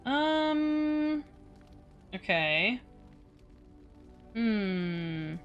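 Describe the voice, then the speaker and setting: A woman's voice: a little high, sing-song, drawn-out words, lo-fi sound. A woman streaming a game, informal and sweary, muttering to herself and reading dialogue choices aloud. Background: game music.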